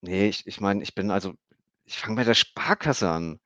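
A flustered, polite young man from a storybook who stumbles and corrects others, as a male narrator puts him on. His voice sits a little higher than the narrator's own. The sound is dry and slightly dull. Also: normal speed, fairly bright tone, no room sound, natural voice. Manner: hesitant, correcting.

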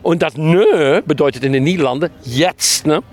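A man's voice: fairly high pitch, normal speed. A man from the Netherlands with a Dutch accent, chatting outdoors at a festival and telling a story, often ending sentences with a tag question. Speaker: longtime festival regular. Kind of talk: casual storytelling interview.

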